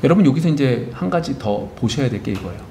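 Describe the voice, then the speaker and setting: Slight background noise accompanies a pastor's fast sermon, delivered at medium pitch in a church sanctuary. He poses questions to the congregation and answers them himself in an animated way, putting on voices for biblical characters he quotes.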